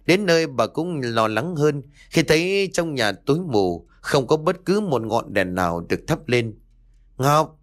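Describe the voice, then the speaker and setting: A man reading a serialized story aloud as audiobook narrator, voicing each character himself with shifts in tone. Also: medium pitch. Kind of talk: scripted story narration with voiced dialogue.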